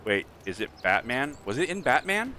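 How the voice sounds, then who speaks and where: A man's voice: mid-range voice, big pitch swings, moderate pace, sharp tone, slight background noise. A man streaming a video game, chatting casually in a rambling, playful way. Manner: rambling, playful, chuckles often. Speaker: let's player streaming to chat. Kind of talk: casual chat over gameplay.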